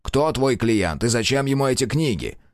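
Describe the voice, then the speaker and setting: A man's voice: medium pitch, animated, moderate pace, no room sound, studio quality, voice pushed up, lightly acted. A man voicing a brusque senior police detective who barks curt orders and mocks in an audiobook. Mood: scornful. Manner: curt, barking, mocking.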